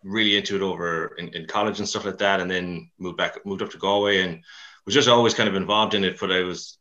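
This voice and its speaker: A man's voice: low voice, fairly even intonation, quick pace, sharp tone, dull audio. A man with a west of Ireland accent chatting casually in an interview, rambling and colloquial, with a self-deprecating touch. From Mayo and Dublin, Ireland. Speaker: CrossFit coach, podcast guest.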